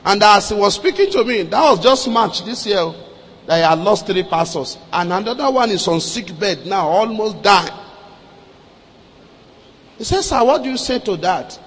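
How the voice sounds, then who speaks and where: A man with a Nigerian accent preaching a sermon as a pastor, telling a story and acting out dialogue, swinging between quiet and loud, with some Yoruba mixed in. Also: sits high, expressive, moderate pace, slightly rough. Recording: long echo in a large hall.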